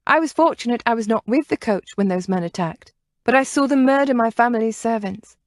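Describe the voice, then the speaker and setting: A woman's voice: fairly high pitch, a little fast, voice pushed up, lightly acted. A woman voicing a frightened but composed young noblewoman, speaking in a raised, earnest voice. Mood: distressed.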